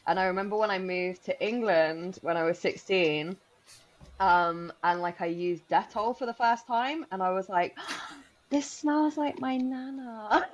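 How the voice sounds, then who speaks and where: A woman in her thirties who grew up in Spain co-hosts a podcast, rambling casually with lots of "likes" and restarts. Her voice is mid-range and unhurried, and the recording has the highs cut off.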